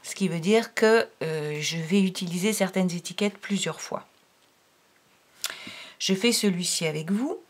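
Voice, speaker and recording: Slow, patient woman teaching young children. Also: on the low side. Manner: patient, explaining step by step; slow, careful enunciation of syllables. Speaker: primary school teacher. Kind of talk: recorded reading lesson for young pupils.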